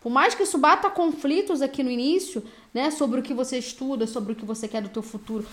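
Blunt high-voiced Brazilian woman reading tarot. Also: brisk. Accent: Brazilian Portuguese. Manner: blunt, direct, slangy pep talk. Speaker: tarot reader.

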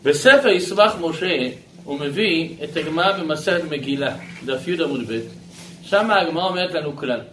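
A man teaching a Torah lesson as a rabbi, animated and asking his listeners questions. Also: fairly high pitch, echoey room, a little hiss or hum, poor audio.

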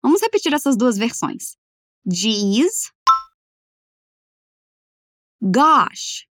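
Professora brasileira lenta e clara. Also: female voice, on the high side, big pitch swings, fairly bright tone, dry recording, studio quality. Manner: slow, careful over-articulated model phrases. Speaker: English teacher. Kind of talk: language lesson, repeat-after-me drills.

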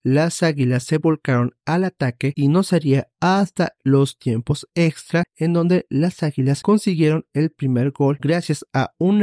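Higher-voiced, mellow man recapping a match. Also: no echo, clean studio sound. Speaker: fan podcast contributor. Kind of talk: formal match summary, semi-scripted.

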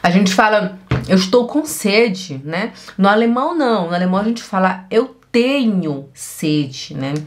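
A woman with a Brazilian Portuguese accent teaching German, saying phrases slowly and adding quick asides. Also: mid-range voice, animated, slight background noise. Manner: slow, drawn-out model phrases with quick asides. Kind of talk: online language lesson.

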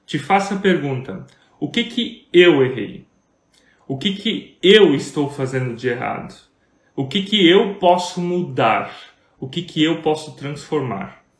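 An earnest Brazilian co-host discusses marriage in a preacherly manner, posing question after question in an expressive, unhurried voice that sits slightly high for a man. His Brazilian Portuguese accent comes through, and the room gives the sound an echo.

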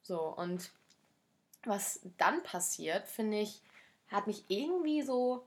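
A woman's voice: medium pitch, lively intonation, takes it slowly. Slangy, rambling young woman podcaster. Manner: rambling, slangy, acts out quotes. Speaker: podcast co-host. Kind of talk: casual book-discussion chat.

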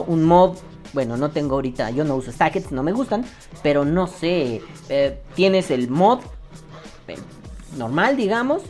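A Mexican man hosting a casual commentary, crude and sarcastic as he critiques another creator. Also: high-pitched. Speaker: vaping commentary host. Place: at his desk on camera.

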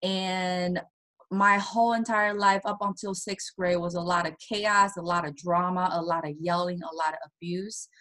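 A woman from Taiwan, a guest in an interview, telling her personal story in a soft voice with nervous little laughs. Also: on the low side, steady tone, normal speed. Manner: soft-spoken, laughs nervously between painful memories.

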